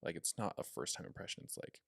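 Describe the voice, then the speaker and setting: A man's voice: quick pace, fairly bright tone, no echo, studio quality. A young man co-hosting a podcast, talking casually with lots of fillers. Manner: chatty, filler-heavy, demonstrates voice tones. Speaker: podcast co-host.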